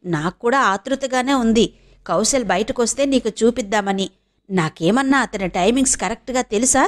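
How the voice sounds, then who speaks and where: A cautious young man, pleading and careful with his words, read by a woman narrator in a storybook. The voice stays fairly high, close to the reader's own. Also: moderate pace, natural voice. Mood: coaxing. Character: anxious young man coaxing his mother. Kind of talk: audiobook character reading.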